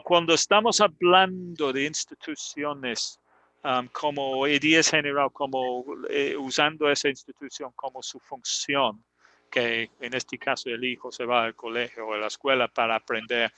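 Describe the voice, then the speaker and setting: A man teaching in on a live stream, explaining slowly and patiently with many fillers. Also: medium pitch, steady tone, sharp tone, no echo, poor audio. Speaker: English teacher. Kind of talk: live online English lesson in Spanish.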